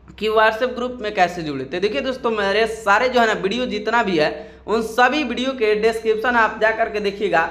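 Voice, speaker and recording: A man with a high voice teaches a lesson in an echoey room. He explains step by step and keeps checking in with his listeners. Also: a bit bright. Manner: repetitive, checks in with "theek hai na" and "kya dosto". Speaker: English teacher.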